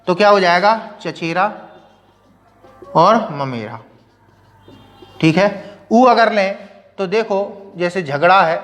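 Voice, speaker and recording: High-voiced man teaching grammar. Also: a bit bright, long reverb tail. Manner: asks questions and answers them himself, repeats "ठीक है" constantly. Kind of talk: classroom lecture.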